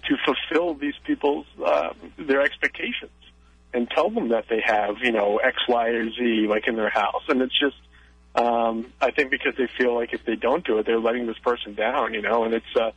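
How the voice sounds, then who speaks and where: A man's voice: mid-range voice, normal speed, husky, no room sound. A man calling in to a radio show over the phone, chatting casually and hesitating with many fillers. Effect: phone call into a radio show. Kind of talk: casual on-air chat. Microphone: telephone. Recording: dull dry phone line.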